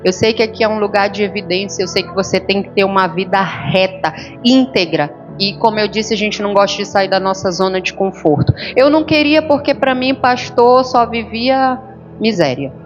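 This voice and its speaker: A woman's voice: mid-range voice, normal speed, highs cut off, soft background music. A woman pastor preaching a sermon, telling her story with emotion and acting out the dialogue. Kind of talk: sermon testimony. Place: church service.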